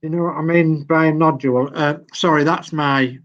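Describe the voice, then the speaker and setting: A man's voice: a little high, fairly even intonation, a bit bright, dull audio. An older man with a Yorkshire accent, patiently talking through model-building steps and reading instructions aloud on a video call. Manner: slow, patient, reads instructions aloud step by step.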